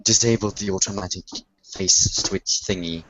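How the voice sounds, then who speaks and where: A man's voice: low voice, fairly even intonation, moderate pace, fairly bright tone. A man hosting a casual group video hangout, teasing and laughing often. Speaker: hangout host. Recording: dull lo-fi call audio with faint noise.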